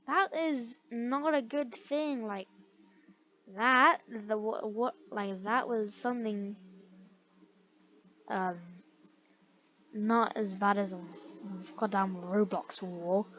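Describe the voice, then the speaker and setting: A woman's voice: medium pitch, fairly even intonation, slow, pauses often, fairly bright tone. A woman casually reading comments aloud and reacting with laughter and disbelieving questions. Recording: dull lo-fi mic, faint background hiss.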